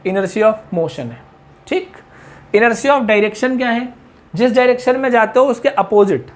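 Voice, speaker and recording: Chatty male physics teacher. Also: high-pitched. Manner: chatty, mixes English terms into explanations, asks the class questions. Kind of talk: classroom lecture.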